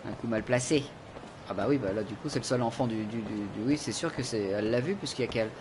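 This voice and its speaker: A man's voice: mid-range voice, quick pace, background noise. A man doing let's-play commentary in a joking, sarcastic, rambling manner into a studio condenser mic. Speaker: gaming streamer.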